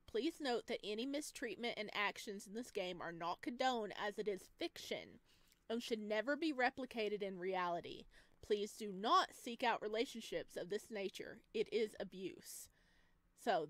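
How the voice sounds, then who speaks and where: A woman with a mid-range, expressive, fairly bright voice hosts a gaming video at normal speed, gushing and exclaiming in playful, cutesy slang. The recording is dry, with music behind her as she gives excited let's play commentary and reads game text aloud.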